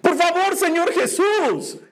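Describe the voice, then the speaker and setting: A man's voice: lively intonation, takes it slowly, noisy background, exaggerated voice. A man doing a desperate, pleading father. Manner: high, strained, pleading cries.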